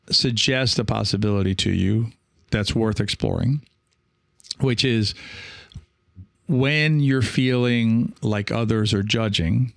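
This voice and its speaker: With a low, gravelly voice, a laid-back podcast host who plays pickleball reads and responds to listener comments on his own. He wanders a bit, hesitates, offers reassurance and keeps checking in with "right?". The audio is clean studio sound without echo.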